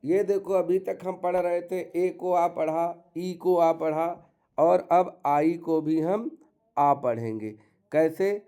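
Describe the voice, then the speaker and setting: A man's voice: fairly high pitch, takes it slowly, warm tone, clean tone. A man teaching English pronunciation rules, explaining step by step and listing example words. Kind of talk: classroom-style pronunciation lesson.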